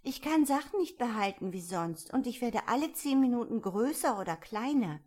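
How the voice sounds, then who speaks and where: A woman voicing a polite, timid young girl in a storybook reading, pitched up and eager. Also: animated, normal speed, a little mellow. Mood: anxious. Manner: higher, eager, slightly tearful. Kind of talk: audiobook character voice.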